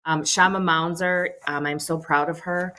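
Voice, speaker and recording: A woman's voice: low voice, steady tone, moderate pace, bright, forceful tone, slight background noise. A middle-aged woman leading a social services agency, giving earnest prepared remarks at a telephone town hall with frequent "um"s. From United States. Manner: earnest, many "um" fillers.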